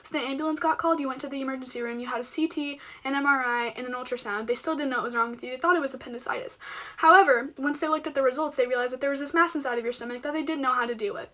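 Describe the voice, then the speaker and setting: A young woman telling a storytime in a rapid, blunt way with casual swearing. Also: high-pitched, bright, forceful tone. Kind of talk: storytime video to camera.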